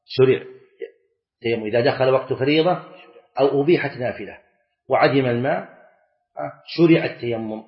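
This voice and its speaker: A middle-aged man, teaching a class, reciting verses slowly and quizzing students with short questions. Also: mid-range voice. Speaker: Islamic scholar teaching a class. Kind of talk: classroom lecture on Arabic grammar and scripture. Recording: echoey, dull lecture-hall recording.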